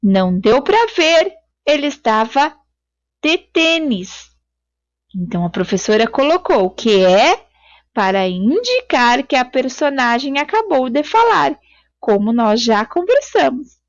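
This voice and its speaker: A woman teaches children in a recorded video lesson, her voice high and lively, her explaining slow and patient. The sound is dry and slightly dull, like a lo-fi home recording. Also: no echo.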